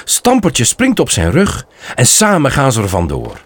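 Give me a man reading a children's story aloud, husky and unhurried. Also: mid-range voice, no room sound. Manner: expressive, slow read-aloud. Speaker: narrator.

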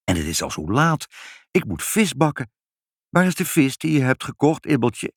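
A man's voice: mid-range voice, big pitch swings, moderate pace, breathy edge, dry recording, clean studio sound, voice pushed up. A man doing a timid catlike mother. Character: timid, gentle mother who was once a cat.

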